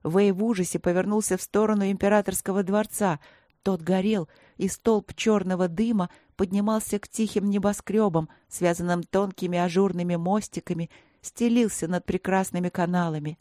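Woman reading an audiobook, calm measured narration, warm dark tone. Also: medium pitch, no echo, studio quality. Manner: measured storytelling. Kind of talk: scripted narration.

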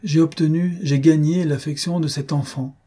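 A man's voice: fairly high pitch, fairly even intonation, moderate pace, mellow, pitched above the performer's own voice, natural voice. Man voicing an anguished, defiant young wife. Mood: bitter, defiant.

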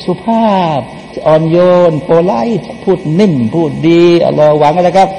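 A man's voice: a little high, fairly even intonation, normal speed, mellow. A male Quran teacher giving a sermon-style commentary, asking his listeners questions, answering them himself, and chanting verses in between. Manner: chants Arabic verses between plain explanations. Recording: long hall reverb, faint background noise.

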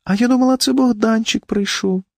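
A man's voice: extremely high pitch, fairly quick, darkish tone, no echo, clean studio sound, pitched above the performer's own voice. A man doing a feeble, whining wife. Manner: weak, plaintive, sulky. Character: feeble, whiny middle-aged wife playing sick. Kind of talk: audiobook character voice.

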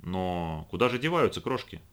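A man voicing a sharp-tongued young woman, the director's niece, in a read-aloud story. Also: low-pitched, very animated, moderate pace. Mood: mocking. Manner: teasing, sometimes shouting.

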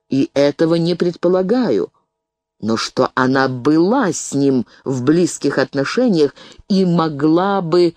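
A woman voicing a cold, sardonic middle-aged male writer who speaks in slow, drawn-out reasoning. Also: deep voice, darkish tone, dry recording, exaggerated voice.

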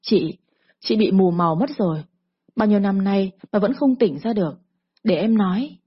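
A meddling aunt lays into her family with scorn, voiced by a woman narrating a story. The voice is husky. The recording is dull and lo-fi. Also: mid-range voice, lively intonation, normal speed. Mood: scolding. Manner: scolding, nagging.

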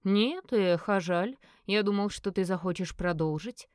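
Brief: woman playing a cocky teasing young guy, even mid voice, dry sound. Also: mid-range voice, unhurried, smooth, dry recording, close to an everyday voice. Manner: smug, teasing. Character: teasing confident young man, smug. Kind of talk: audiobook character voicing.

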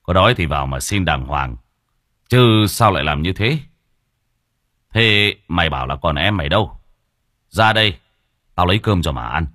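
A man voicing a gruff but soft-hearted middle-aged son with a brusque, scolding manner. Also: low-pitched, lively intonation, no room sound, clean studio sound. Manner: brusque, scolding, quick to bluster.

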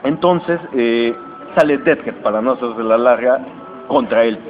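A man with a Mexican accent, a comics podcast host, casually retelling a comic's plot in a slangy, animated way and briefly acting out characters' lines. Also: medium pitch, faint music behind. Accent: Mexican Spanish. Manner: animated, slangy, acts out lines in quick voices. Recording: dull lo-fi recording with steady noise.

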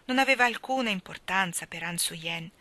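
A woman reading a novel aloud in an expressive, lively narration. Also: lowish voice, moderate pace, no echo. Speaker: reader.

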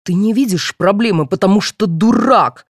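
A woman reading the part of a blustering, quick-tempered middle-aged father who scolds and shouts. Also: medium pitch, sing-song, no room sound, studio quality, natural voice. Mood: shouting.

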